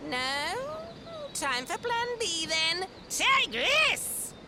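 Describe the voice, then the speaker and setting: An actor voicing a small, mischievous devil monster in a video game, shrill and cackling, with a boastful theatrical manner. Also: sing-song, very slow, noisy background, exaggerated voice. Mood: indignant menace. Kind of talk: exaggerated video game voice acting. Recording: loud game music behind.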